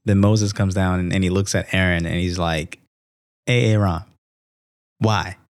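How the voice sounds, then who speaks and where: Gravelly-voiced man telling Bible stories. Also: deep voice, moderate pace, dry recording, clean studio sound. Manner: animated storytelling, acts out quotes; conversational with frequent restarts. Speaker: Bible reading podcast host. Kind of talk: casual devotional commentary.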